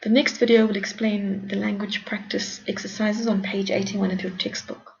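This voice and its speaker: A woman teaches a grammar lesson in a patient, encouraging way, walking through each point one step at a time. Her voice is slightly gravelly with a mid-range pitch. The recording sounds dull and lo-fi. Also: little pitch movement, moderate pace, slight background noise.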